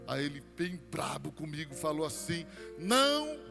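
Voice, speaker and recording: A Brazilian pastor with a fairly high voice preaches his testimony at a normal pace, speaking Brazilian Portuguese and dramatically acting out the people in his story as he builds to loud climaxes. The sound carries like a big room, with soft music in the background.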